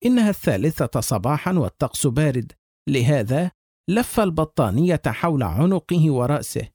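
A man's voice: a little high, big pitch swings, normal speed, darkish tone, husky, no echo, clean studio sound. A man narrating a horror story with tense, suspenseful delivery.

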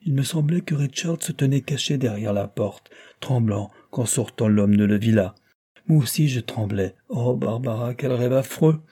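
A man reading aloud voices a sickly, anxious older woman who talks in a hushed, plaintive way. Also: mid-range voice, animated, normal speed, slightly rough. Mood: fearful, plaintive. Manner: fearful, plaintive.

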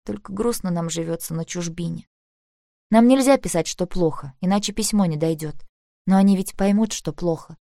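A woman's voice: on the low side, moderate pace, creaky, dark tone. A woman voicing an older teenage girl from a labor camp, bitter and snapping, in an audiobook. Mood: mournful.

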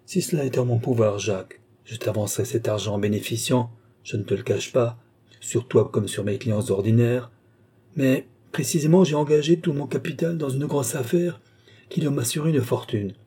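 A man's voice: mid-range voice, moderate pace, dark tone, husky, natural voice. A man voicing a cold, grasping male moneylender with a dry, businesslike manner in an audiobook. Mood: cool, dismissive.

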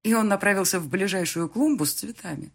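A woman narrating a first-person audiobook in an expressive, animated way. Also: mid-range voice, fast talker, vocal fry, slightly rough.

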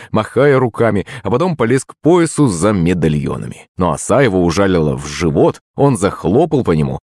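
Lively low-voiced male audiobook narrator. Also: dry recording, studio quality. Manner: expressive, voices the characters. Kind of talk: scripted first-person audiobook narration.

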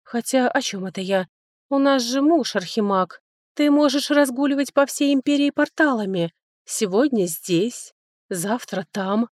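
A sharp-tongued young noblewoman, put on by a female audiobook reader, her voice lifted noticeably higher than the narration and edged with mockery. Dry, close recording with no room sound. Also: expressive, no echo. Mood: sarcastic. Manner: mocking, biting, quick to snipe. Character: sarcastic, touchy young noblewoman, younger sister. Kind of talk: audiobook character voicing.

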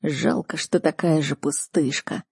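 A woman voicing an aloof young male noble student who muses quietly and mockingly in an audiobook reading. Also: low-pitched, steady tone, unhurried, gravelly, husky, no room sound, studio quality, exaggerated voice. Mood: musing.

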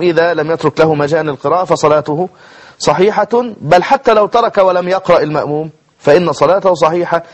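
A man teaching Islamic jurisprudence in a televised lesson, slowing down to model the correct pronunciation of letters. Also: a little high. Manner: explanatory, slows to model pronunciation.

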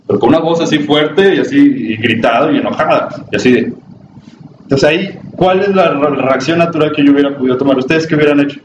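A man with a Mexican accent, a psychologist giving a chatty workshop talk to a live audience. He asks the listeners questions and acts out the people in his stories. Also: medium pitch. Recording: distant, dull, noisy, roomy recording.

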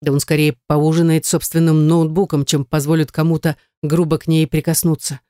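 Audiobook narrator, scripted novel reading, steady, medium pitch, dry. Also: a little fast, no room sound.

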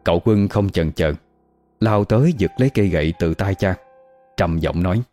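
A man narrating a scripted horror story in a steady, measured way. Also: low voice. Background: faint music.

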